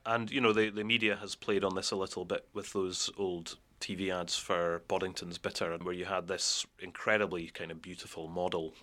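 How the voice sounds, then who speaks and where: A man giving an explanatory interview, thoughtful and filling pauses with "you know". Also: low-pitched, sharp tone. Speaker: expert interviewee.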